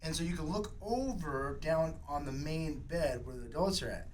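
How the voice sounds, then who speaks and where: A male coach telling a funny family story in a casual podcast chat, animated and laughing as he goes. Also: a little high, normal speed, a little hiss or hum, low-quality recording. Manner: animated, lively storyteller who laughs at his own tale.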